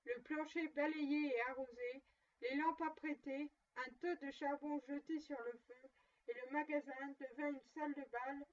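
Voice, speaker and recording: A woman reading a classic tale aloud with steady, measured narration. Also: high voice. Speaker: reader. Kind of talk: storybook reading. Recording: dull distant lo-fi recording.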